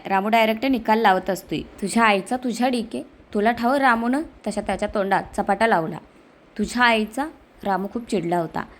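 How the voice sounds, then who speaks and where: A woman telling a dramatized village story, voicing each character's dialogue as she goes. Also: a little high. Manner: voices the characters' village dialogue with her narration.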